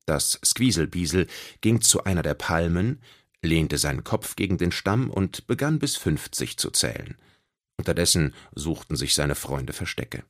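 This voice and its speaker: A man with a deep, low voice reads a children's story aloud. His delivery is highly animated, swinging up and down the scale. He tells it as scripted narration. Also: a little slow. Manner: expressive storytelling.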